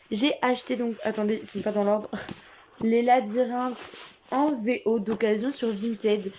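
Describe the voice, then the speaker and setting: A woman's voice: fairly high pitch, mellow. Chatty young Frenchwoman vlogging books. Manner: chatty, many fillers and restarts. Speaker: book vlogger. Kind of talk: casual book haul vlog.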